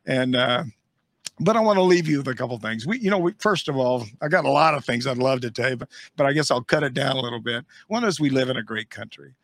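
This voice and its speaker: A man's voice: mid-range voice, lively intonation, fast talker, vocal fry, fairly bright tone, dry recording. Older American man, earnest and folksy podcast host. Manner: earnest, folksy, emphatic, repeats phrases. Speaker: podcast host, retired Army sergeant major. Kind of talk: casual podcast sign-off and heartfelt address to viewers.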